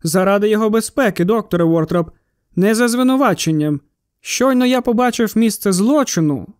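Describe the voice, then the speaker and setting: This is an excitable, nervous small-town constable , read by a male narrator in a storybook reading. The voice sits high and smooth, and it is recorded close with no room sound. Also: brisk, no echo. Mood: agitated. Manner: excited and exclaiming. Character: agitated middle-aged male town constable. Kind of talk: audiobook character reading.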